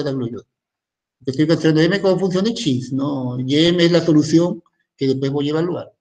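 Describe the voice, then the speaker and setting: A man's voice: on the high side, darkish tone. A man teaching a recorded university math lecture in in, thinking aloud and often stopping to ask "¿no?".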